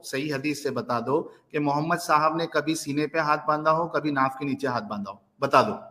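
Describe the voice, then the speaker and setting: A man's voice: fairly high pitch, normal speed, sharp tone. A man hosting a heated online debate, insistent, interrupting and pressing for proof. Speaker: debate host.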